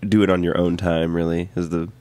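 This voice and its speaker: A man's voice: low voice, level tone, brisk, a little mellow. A man co-hosting a radio interview, making laid-back, agreeable remarks. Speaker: radio co-host. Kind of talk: casual interview chat. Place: radio studio.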